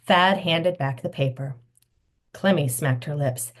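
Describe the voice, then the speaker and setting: In a deep voice and at a slightly slow pace, a woman reads her children's novel, bringing the story to life and voicing the dialogue.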